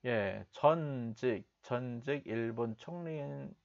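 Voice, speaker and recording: Slow, patient male English teacher. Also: medium pitch, gravelly, lo-fi sound. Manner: slowly repeats and breaks down English phrases. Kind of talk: explanatory language lesson.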